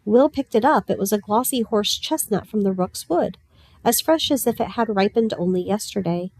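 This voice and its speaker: A woman narrating a novel in a calm, even reading voice. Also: mid-range voice, moderate pace, no echo. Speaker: audiobook narrator. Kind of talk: storybook narration.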